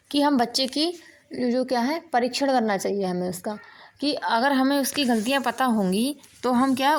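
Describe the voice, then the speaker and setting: A woman teacher explaining an exam-prep lesson while writing on a board, checking in with "ठीक है" and asking herself rhetorical questions. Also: fairly high pitch. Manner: explanatory, repeats "ठीक है" and asks rhetorical "क्या है"; writes on a board while talking.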